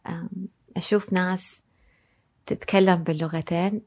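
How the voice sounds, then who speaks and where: A woman talks as an interview guest in a slightly low voice. She speaks reflectively and slips English phrases into her sentences. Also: steady tone, normal speed, darkish tone. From Saudi Arabia. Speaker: guest, designer and blogger. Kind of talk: casual interview conversation.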